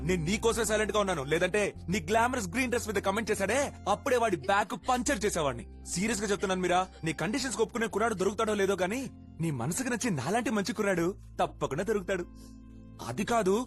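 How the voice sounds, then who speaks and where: A clingy comic suitor, talks super fast, soft music under. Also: male voice, high voice. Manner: eager, fawning, rapid comic talk. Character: fawning young man courting a woman. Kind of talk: film dialogue.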